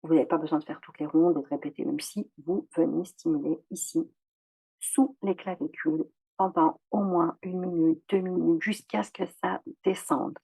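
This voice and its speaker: A woman coach guiding listeners through a tapping routine, calmly repeating short phrases as she demonstrates. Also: fairly low pitch, moderate pace, no room sound, low-quality recording. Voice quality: gravelly, husky. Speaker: EFT coach. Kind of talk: instructional demonstration.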